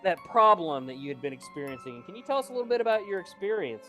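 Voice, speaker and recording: A woman's voice: quick pace, soft background music. A woman hosting a podcast, jokey and playful in casual chat. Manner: jokey, lively pitch. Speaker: podcast host.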